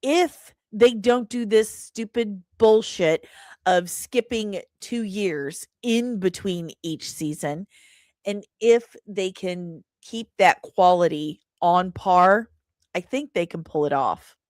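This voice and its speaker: This woman hosts an entertainment news livestream, chatting casually through viewer comments with slang, pet names, and an irreverent, playful streak. Her mid-range voice is slightly mellow and unhurried, recorded in a studio with no echo.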